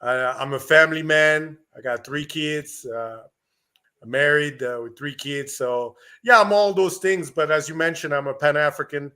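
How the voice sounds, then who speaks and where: Bright-voiced hesitant Rwandan-born man. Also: a little high, moderate pace, clear, resonant tone. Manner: hesitant, many fillers. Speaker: guest entrepreneur. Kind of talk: interview answers.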